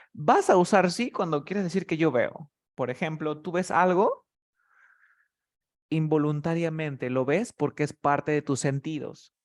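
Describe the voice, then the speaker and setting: A man teaching English vocabulary in a tutoring session, explaining words patiently step by step. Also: on the high side.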